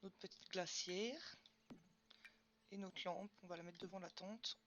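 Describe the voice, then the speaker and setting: On a game stream, a young woman casually answers chat questions, filling her speech with lots of fillers. She speaks at a measured pace in a fairly low, fairly bright voice, with a little hiss or hum in the background.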